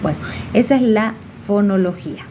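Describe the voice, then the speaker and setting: A woman explaining a lesson to students, pausing often with fillers and checking questions. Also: medium pitch, mellow, a little hiss or hum. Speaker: teacher.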